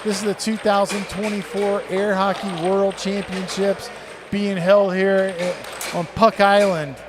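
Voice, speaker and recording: A high-pitched man calls the action as a live air hockey commentator, upbeat and quick with his affirmations. He repeats words as he goes. The audio is noisy, with a tournament venue humming behind him. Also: little pitch movement, a crowd in the background.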